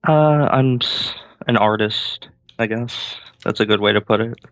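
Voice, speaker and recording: A man with a lowish voice gives short, hesitant answers. His audio comes through a dull, lo-fi voice-chat line. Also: level tone, measured pace, a bit bright. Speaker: guest on a stream.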